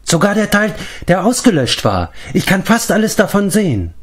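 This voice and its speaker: A man putting on a bright, high-pitched young princess from a fantasy storybook, quick and lively. She sounds excited and animated, her voice lifting well above a man's usual register. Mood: eager.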